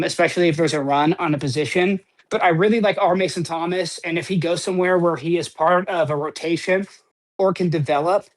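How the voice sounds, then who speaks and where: A man co-hosting a podcast, talking sports in a rambling, casual way, full of "um" and "like" and casual swearing. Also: on the high side. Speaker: podcast co-host.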